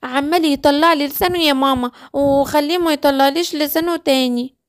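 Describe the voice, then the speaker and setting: A whiny little boy monkey from a children's cartoon, complaining in Egyptian Arabic, as a woman puts him on. He talks in a high, childish voice. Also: fairly quick, no room sound, clean studio sound, lightly acted.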